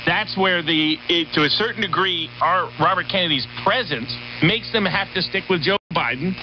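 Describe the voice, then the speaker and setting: Over music and through a dull, noisy shortwave radio relay, a man with a high-sitting voice gives unscripted political analysis as an interview guest at normal speed. He's emphatic, building his arguments through lists and repeated phrases.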